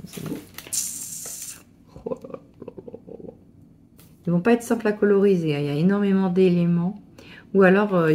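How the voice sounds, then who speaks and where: Excited, gravelly-voiced woman unboxing crafts. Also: fairly low pitch, a little hiss or hum. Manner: excited, gushing, stumbling restarts. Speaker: crafting vlogger. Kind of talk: casual unboxing chat.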